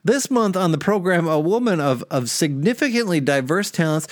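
A man's voice: a little high, expressive, normal speed, dry recording, studio quality. A man hosting a podcast in casual chat, talking in a chatty, rambling way with fillers. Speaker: podcast host.

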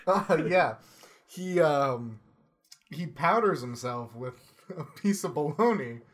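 Deadpan, dry-witted man. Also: a little high, slow pace. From Canada. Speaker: podcast co-host. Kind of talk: casual chat recapping a show.

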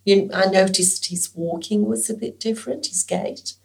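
A woman, a former nurse speaking softly and hesitantly in an interview. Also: mid-range voice, steady tone, moderate pace, gravelly. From England. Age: 60s. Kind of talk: conversational interview.

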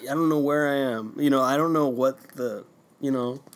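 A man's voice: mid-range voice, normal speed. A man in casual conversation, rambling and trailing off, joking at his own expense. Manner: rambling, hesitant, self-deprecating. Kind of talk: casual chat.

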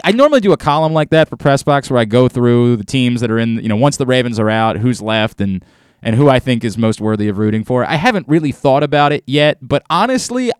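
Clear, dry-voiced male sports radio host. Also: mid-range voice, no room sound. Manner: rambling, stammering repeats as he thinks aloud. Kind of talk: casual, conversational sports talk. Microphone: close studio microphone.

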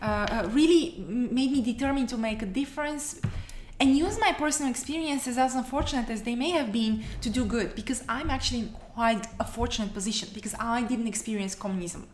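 A woman's voice: on the high side, a little fast, hardly any pauses. A woman, answering interview questions earnestly and passionately, often restarting her phrases. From Bulgaria. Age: 30s. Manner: passionate, many restarts and "you know". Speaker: interview guest, activist. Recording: echoey room, faint noise.

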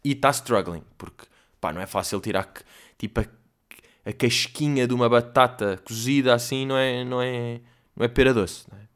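Male host with a European Portuguese accent, casual solo storytelling, chatty and slangy, mid pitch. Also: brisk, a bit bright, clear, resonant tone. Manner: loose and chatty, full of slang fillers. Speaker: podcast host.

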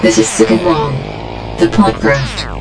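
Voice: medium pitch, measured pace. Someone voicing a robot booting up over synths. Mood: commanding. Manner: flat commanding system readout, counting down. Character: robot computer system booting up. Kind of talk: show intro announcement. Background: electronic synth music.

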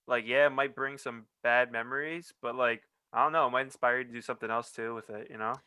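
Bright-voiced laid-back man. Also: mid-range voice, fairly even intonation, fast, clean tone, dry recording. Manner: laid-back, joking, swears casually. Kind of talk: casual chat.

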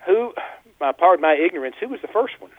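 A male caller on a radio talk show, talking over a landline phone in a rambling, halting way with lots of fillers. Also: high voice, expressive, no echo. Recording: tinny landline phone line.

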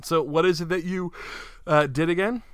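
A man's voice: on the high side, fairly even intonation, normal speed, clear, resonant tone, no room sound, studio quality. A man hosting a podcast in casual chat, teasing his co-host with rambling explanations.

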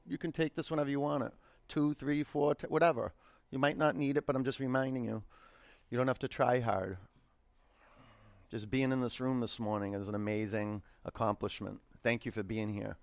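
Man gently guiding a yoga class. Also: medium pitch, creaky, no echo. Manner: unhurried, encouraging, informal, repeats cues gently. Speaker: yoga teacher. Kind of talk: guided yoga class instruction.

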